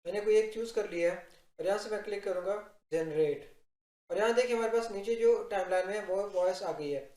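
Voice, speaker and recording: A man giving a software tutorial, explaining step by step and addressing viewers directly in an instructional narration. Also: sits high, brisk. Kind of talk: instructional screen-recording narration. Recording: roomy, echoing voice-over.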